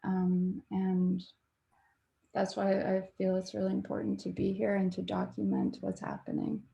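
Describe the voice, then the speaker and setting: A young woman from Canada, a documentary photographer, talking reflectively on a panel with frequent pauses and fillers. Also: medium pitch, monotone, gravelly, warm tone, dull audio. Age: young adult. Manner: reflective, hesitant with many fillers. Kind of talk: panel talk.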